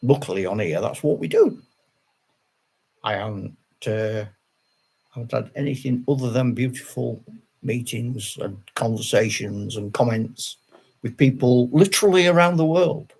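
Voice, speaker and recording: With a Yorkshire accent, an older wargaming channel host rambles to camera, casual and self-deprecating, with frequent chuckles. He speaks a little slowly in a medium-pitched, darkish voice that's slightly rough with vocal fry.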